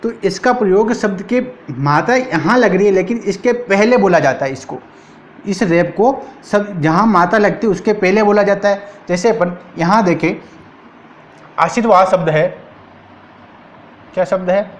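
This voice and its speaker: Rajasthani guy teaching hindi grammar, highish voice, says every word twice and keeps asking the class. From India. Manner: repeats each word slowly and asks the class questions. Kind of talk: exam-prep grammar lesson.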